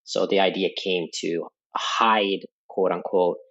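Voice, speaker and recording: A man's voice: low voice, steady tone, takes it slowly, a bit bright, muffled recording. A man from Finland, speaking as a podcast guest and explaining at length in a thoughtful way, with fillers and restarts. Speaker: podcast guest, company founder. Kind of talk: conversational interview explanation.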